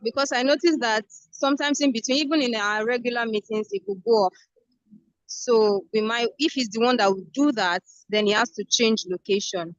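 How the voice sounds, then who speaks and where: A woman coordinating an online meeting, measured and organizing. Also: on the high side, no room sound. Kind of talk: casual meeting chat. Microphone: video call. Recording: dull lo-fi online call.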